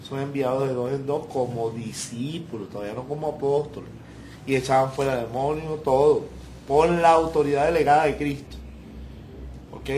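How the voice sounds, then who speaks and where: A man's voice: a little high, a little mellow, a little hiss or hum. A male pastor, preaching a sermon in an emphatic storytelling way and acting out the voices he quotes.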